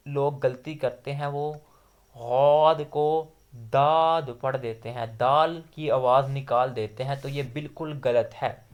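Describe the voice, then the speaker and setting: Male recitation teacher with a Pakistani Urdu accent, smooth clear voice, mid pitch, patient step-by-step explanation. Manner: patient, explains letter sounds step by step, drawing out example letters. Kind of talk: slow explanatory lesson.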